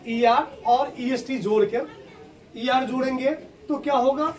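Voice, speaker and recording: A male school teacher teaching a grammar lesson. He explains step by step, asks questions and answers them himself, and spells words out letter by letter. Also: very high-pitched. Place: school classroom. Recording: distant classroom recording with clear background noise.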